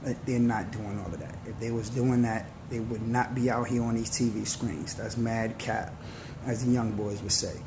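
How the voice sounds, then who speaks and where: A man's voice: lowish voice, steady tone, background noise. A man in his forties giving an earnest, slangy motivational talk to his viewers. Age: 40s. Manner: earnest, preachy, slangy and slow. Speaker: vlogger.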